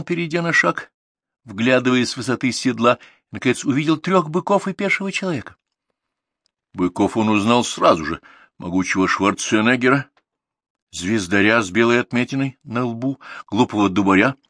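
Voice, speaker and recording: A man reading short stories aloud as an audiobook narrator, in an expressive storytelling manner. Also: fairly low pitch, no echo, clean studio sound. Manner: expressive, story-telling delivery. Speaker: audiobook reader.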